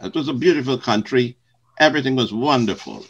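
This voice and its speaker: An older man from Guyana, a retired pastor, answering interview questions in slow, measured, formal phrasing. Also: mid-range voice, a bit bright, husky, muffled recording.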